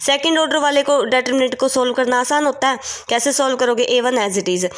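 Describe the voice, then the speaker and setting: A woman's voice: high-pitched, fairly quick. A woman teaching a maths lesson step by step, often repeating points and asking the class questions.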